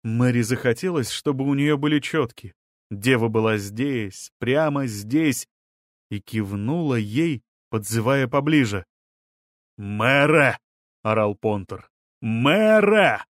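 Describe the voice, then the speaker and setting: A man reading a novel aloud as an audiobook narrator, in a measured way that leans into the drama. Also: medium pitch, dry recording, studio quality. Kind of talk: scripted narration.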